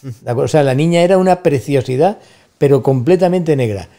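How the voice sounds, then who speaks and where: Slightly fast and mellow, this man's voice sits on the high side, with an Andalusian accent. He's a middle-aged university staffer guesting on a podcast, speaking at length in a relaxed, reflective way with plenty of rhetorical asides.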